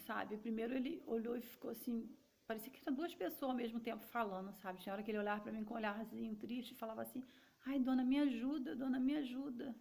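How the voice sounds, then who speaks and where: A woman's voice: mid-range voice, creaky, a little mellow. A woman with a Brazilian Portuguese accent telling a personal story in a casual, conversational way, speaking directly to her listeners.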